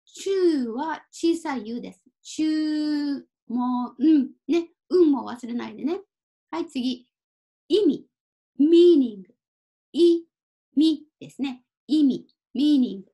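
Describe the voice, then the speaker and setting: Female language teacher, high voice, unhurried, careful delivery, slips into simple English to explain. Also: animated, creaky, dark tone. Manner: apologizes and laughs at her own typo. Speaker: Japanese teacher. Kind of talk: kanji reading lesson.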